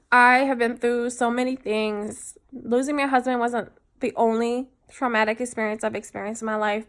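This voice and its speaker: A woman recording a personal video diary, speaking in a heartfelt, halting way with many pauses and fillers. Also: a little high. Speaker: vlogger.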